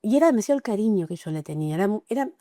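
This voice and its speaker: A middle-aged Argentine woman giving an emotional, halting personal account as an interview guest, with frequent restarts. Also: mid-range voice, lively intonation, warm tone, dry recording, studio quality. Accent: Argentine Spanish. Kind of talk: personal testimony in conversation.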